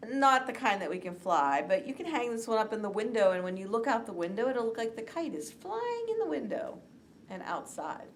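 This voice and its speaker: A woman librarian leading a children's story time, talking to small kids in an animated, sing-song way. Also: a little high, a little fast, slight background noise.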